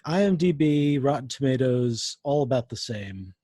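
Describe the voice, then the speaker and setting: A man's voice: medium pitch, animated, moderate pace, dark tone, no room sound. A young adult man co-hosting a podcast in casual chat, making dry, wry remarks. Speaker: podcast co-host.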